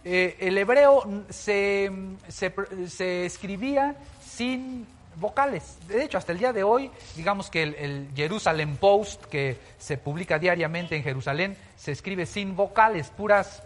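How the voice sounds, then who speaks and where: A man leads a Bible teaching in a fairly high voice. He explains things patiently, stopping often with fillers and starting over mid-sentence. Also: measured pace. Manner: explanatory, many fillers and restarts.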